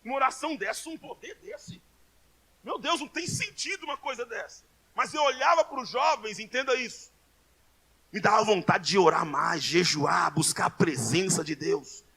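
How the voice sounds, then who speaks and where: A Brazilian man preaching a Pentecostal sermon in a very high voice. His tone is bright and forceful, and his storytelling climbs into shouted proclamations and speaking in tongues. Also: animated, moderate pace, vocal fry, husky. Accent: Brazilian Portuguese. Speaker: pastor.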